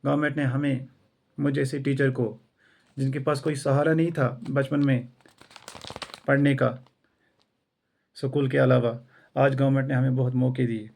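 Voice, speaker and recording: A male schoolteacher from India, not a native English speaker, speaks with an earnest, motivational drive. His voice is gravelly and dark. He builds his points through repeated rhetorical phrases. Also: mid-range voice, flat delivery, moderate pace, pauses often. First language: not English; self-taught English. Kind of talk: motivational talk to students and teachers.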